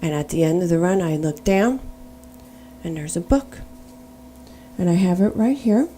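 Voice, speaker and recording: A woman's voice: fairly low pitch, lively intonation, normal speed, dark tone, slight background noise. Earnest woman telling her testimony. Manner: earnest, storytelling, spells out words letter by letter. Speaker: faith testimony speaker. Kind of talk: personal testimony.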